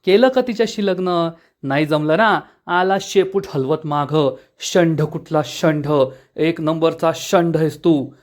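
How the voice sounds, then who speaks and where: A man's voice: fairly high pitch, unhurried, lightly acted. A man reading the lines of an angry, domineering older male politician who taunts his son with scorn. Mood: taunting.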